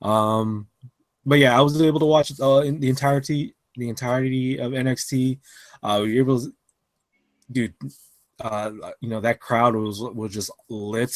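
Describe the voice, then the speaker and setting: A man's voice: medium pitch, fairly even intonation, normal speed, dry recording. Tired, rambling podcast co-host man. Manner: rambling, many fillers and restarts. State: tired after a long shift. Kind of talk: casual chat.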